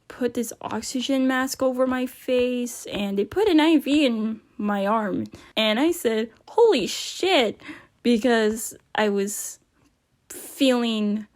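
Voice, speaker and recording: A woman telling a personal story casually, in a rambling, informal, slangy way. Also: on the high side. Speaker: storyteller recounting a personal experience.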